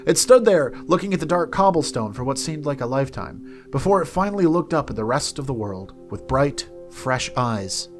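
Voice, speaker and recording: A man reading a fantasy story aloud as narrator, in an expressive, soft-spoken way. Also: medium pitch, a little fast, few pauses, faint music behind. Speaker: narrator and game company host.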